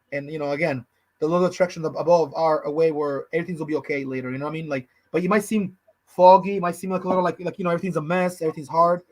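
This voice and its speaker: A man's voice: high-pitched, poor audio. A man co-hosting a podcast in casual chat, rambling and often calling his partner "bro". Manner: rambling, fast, says "bro" a lot. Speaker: podcast co-host.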